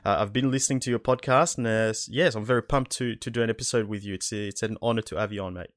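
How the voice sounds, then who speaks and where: Man, podcast host, fairly low pitch, casual matey chat, dry studio-like sound. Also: fast talker, dry recording.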